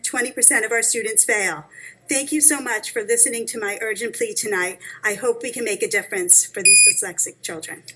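A woman in her thirties, speaking as a parent at public comment, reads a prepared statement at a school board meeting into a table microphone with earnest urgency. Her voice is on the high side, bright, forceful, and slightly rough, and the recording itself is rough.

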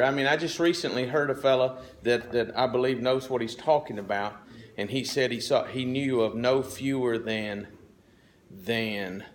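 A middle-aged man preaching a sermon in a folksy, conversational way, with many asides and frequent throat-clearing. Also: mid-range voice, a little hiss or hum. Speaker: pastor.

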